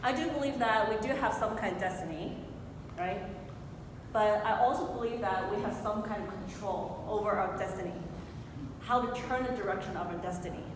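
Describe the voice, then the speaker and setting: A woman in her 40s from Hong Kong gives a motivational speech built on a personal story, posing rhetorical questions to the audience at a moderate pace. She speaks before an audience in a large room. The hall is very echoey, with clear noise and rumble.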